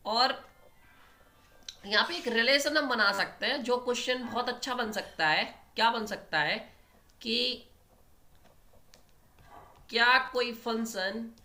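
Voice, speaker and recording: A man's voice: extremely high pitch, takes it slowly, pauses often, bright, forceful tone, soft background music. A man teaching a maths lecture, explaining step by step and often checking in with his students. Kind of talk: online exam-prep lecture at a board.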